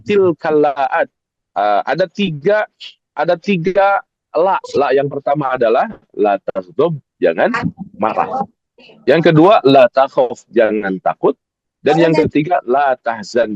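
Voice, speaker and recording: A man preaching, his somewhat high voice swooping up and down as he hammers key phrases again and again. He speaks directly to the congregation in an emphatic sermon. The recording is dull and lo-fi, with a dry sound. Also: dry recording. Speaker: Islamic preacher.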